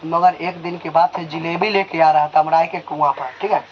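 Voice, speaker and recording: A man's voice: a little high, fairly even intonation, moderate pace. A young man teaching a class in Hindi with a Bihari accent, retelling a story and checking often that the students follow. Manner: conversational, keeps checking with the class. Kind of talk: storytelling lesson retelling a chapter. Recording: slightly dull, faint noise.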